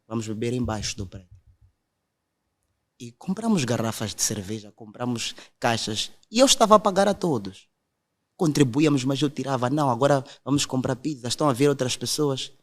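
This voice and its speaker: A young man, earnestly telling his conversion testimony in a podcast conversation. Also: mid-range voice. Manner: earnest storytelling, quotes others directly.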